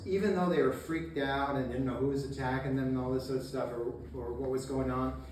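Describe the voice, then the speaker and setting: A man with a medium-pitched voice gives a casual public lecture on local history in a meeting room before an audience. He's an animated storyteller who acts out shouted quotes and laughs often. It was picked up by a distant camera mic in an echoey room with faint noise.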